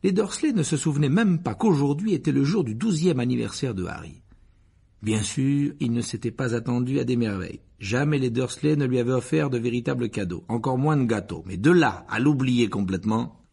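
A man narrating a children's novel aloud, expressive, often dropping to a hush at the ends of phrases. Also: medium pitch, brisk, creaky, husky. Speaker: audiobook narrator. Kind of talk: scripted narration.

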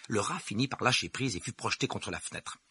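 A man calmly narrating a novel in a steady reading voice. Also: fast, husky. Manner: calm, lowered narrating voice. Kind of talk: audiobook reading.

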